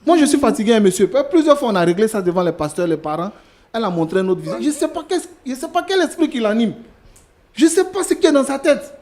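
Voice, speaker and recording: A man plays a worn-out husband who has had enough of his wife. His voice sits high for a man, and he repeats himself with insistent, exasperated complaints. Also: very animated, quick pace, a little mellow. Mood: indignant. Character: fed-up husband leaving his wife for the maid. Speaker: husband in a staged couple-counseling show.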